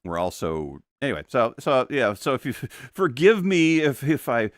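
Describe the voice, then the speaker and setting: A man's voice: medium pitch, expressive, moderate pace, no echo. A middle-aged man chatting casually while painting on a live stream, rambling and restarting his sentences, at a desk microphone in a home studio. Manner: rambling and self-interrupting, with frequent stammered restarts and chuckles.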